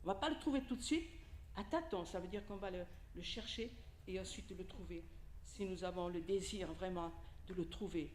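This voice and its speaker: Her voice is fairly low and darkish, at a moderate pace, with echo and a little hiss or hum. She is a lay preacher from Italy, a native Italian speaker, conversationally addressing the congregation with questions and asides in an informal sermon during a church hall service.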